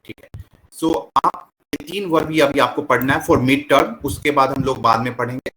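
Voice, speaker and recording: A man with an Indian accent teaching a French class, slowly drilling the words and switching between English and Hindi. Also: mid-range voice, steady tone, fairly bright tone, rough recording. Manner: slow, repetitive drilling, mixing English and Hindi. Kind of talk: classroom lesson.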